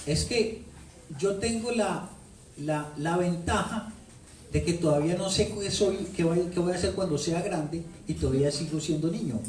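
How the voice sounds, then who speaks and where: At his book launch, a paisa-accented Colombian author talks animatedly to the audience in a high-pitched, slightly mellow voice at a moderate pace. He tells stories playfully, repeating phrases for effect. The handheld-mic recording picks him up from afar in an echoey bookstore event room.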